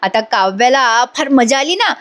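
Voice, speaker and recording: A woman's voice: on the high side, normal speed. A woman reviewer chatting through a TV serial episode recap, talking straight to her viewers and laughing easily. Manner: animated, chatty, addresses viewers directly; laughs often while recapping.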